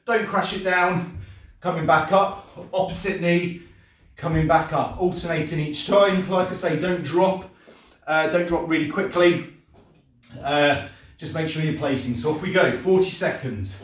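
A man's voice: on the high side, unhurried. A middle-aged man leading an exercise class as instructor, coaching in short, encouraging commands. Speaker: fitness and martial arts instructor. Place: indoor home gym, hard walls. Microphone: distant camera mic across the room. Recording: echoey room, far from the mic.

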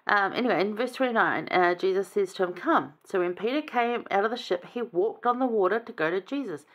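A woman's voice: mid-range voice, a little fast. A woman giving a casual, chatty scripture lesson, enthusiastic and conversational. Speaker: scripture study teacher.

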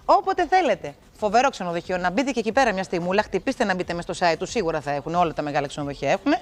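A middle-aged woman hosting a TV game show, talking to viewers in a chatty, playful way. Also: on the low side. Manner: lively, chatty and playful, talks straight to viewers. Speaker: TV show host.

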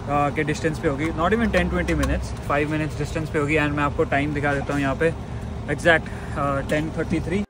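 A young man talking casually to a phone camera held at arm's length, moving between a truck depot and a truck cab. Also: a little high. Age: young adult. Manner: chatty, mixes Hindi and English. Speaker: vlogger. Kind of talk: casual vlog talk to camera. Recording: noisy outdoor phone recording.

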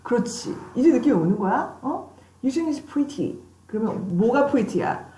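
Lively woman teacher in an echoey classroom. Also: on the high side, takes it slowly. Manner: drills pronunciation with call-and-repeat cues; playful, teasing questions to students. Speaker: English teacher. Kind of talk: classroom English vocabulary lesson.

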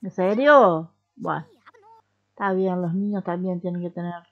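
A woman's voice: fairly low pitch, unhurried, highs cut off. Chatty Rioplatense woman narrating gameplay. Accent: Rioplatense Spanish. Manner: chatty, talks to herself and the game characters. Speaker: gaming streamer. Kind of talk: casual gameplay commentary.

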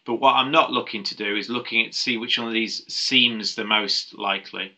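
Male maths tutor, lowish voice with a very bright edge, talks through problems aloud with ums and restarts. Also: steady tone, normal speed. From United Kingdom. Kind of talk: explaining a maths paper step by step.

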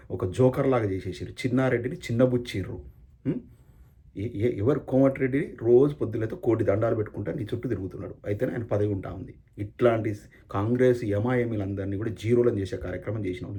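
A man's voice: mid-range voice, warm tone. A man giving an impassioned political speech, firing off repeated angry rhetorical questions. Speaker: political commentator.

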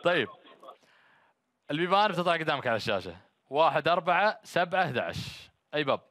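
Wearing a headset microphone, a game show host with a Gulf Arabic accent runs a phone-in quiz on TV, joking with callers and offering them blessings. He talks fast and very animatedly in a slightly high, fairly bright voice with no room sound. The set is a small studio made to look like an instrument shop.

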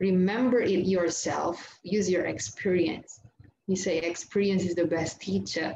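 A woman's voice: medium pitch, a little mellow. A woman teaching English grammar online in a Thai accent, mixing Thai and English and reading out word lists, asking and answering her own questions. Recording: roomy, dull lo-fi sound with faint noise.

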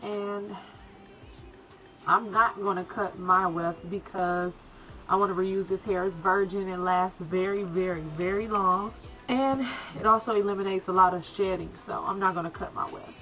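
Speaking at a moderate pace with fairly even intonation, this young woman has a mid-range voice and a bright, forceful tone, despite a slight cold. She walks viewers through a hair how-to in a chatty way, addressing them as "guys," from a small room by a folding screen. Music plays under the dull, lo-fi audio.

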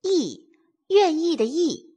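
A high-voiced woman teaches small children in the manner of someone reading to a toddler. Her pitch swings in a lively singsong, and she goes slowly through simple scripted lines, repeating words to be followed. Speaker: children's literacy teacher and narrator.

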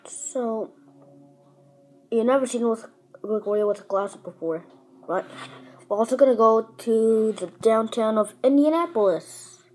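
A woman's voice: on the high side, a little slow, long pauses, darkish tone, low-quality recording. A woman chatting casually in a home vlog, talking while she eats breakfast. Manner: chatty, talks while eating. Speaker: vlogger.

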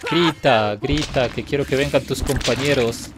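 A man giving playful, taunting live commentary while playing a game, now and then breaking into excited laughter. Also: medium pitch, moderate pace, noisy background. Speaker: gaming video host.

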